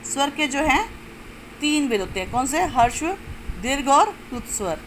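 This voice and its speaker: A woman teaching a grammar lesson step by step, asking questions and answering them herself, and drawing out sounds slowly to show them. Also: high-pitched, animated, a little hiss or hum, low-quality recording. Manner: explains step by step, asks and answers own questions. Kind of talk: classroom-style lesson.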